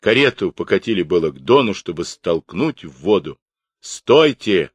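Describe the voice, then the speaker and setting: Deep-voiced dramatic male narrator. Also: lively intonation, a little fast, husky, dry recording. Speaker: audiobook narrator.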